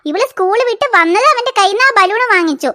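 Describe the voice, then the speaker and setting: A fast-talking, high-pitched cartoon mother, voiced by a woman who scolds her children firmly. Her bright voice rattles off warnings and reasons. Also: lively intonation, full character voice. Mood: scolding. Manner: scolding, threatening tone. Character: busy young mother, firm and scolding. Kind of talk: cartoon voice acting.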